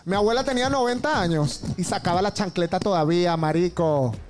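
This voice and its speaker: A Venezuelan man hosts a loose, joking conversation and talks fast and slangy. His voice sits high for a man. He keeps the energy animated throughout. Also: noisy background. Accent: Venezuelan Spanish. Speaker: podcast host. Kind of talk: casual comic chat.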